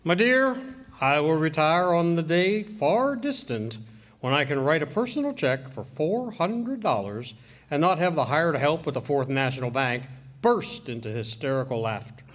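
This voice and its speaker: A man's voice: on the high side, animated, moderate pace, a bit bright. A man acting a pompous, wordy, teasing doctor in a 1940s radio comedy, with grandiose phrasing. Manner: grandiose, florid.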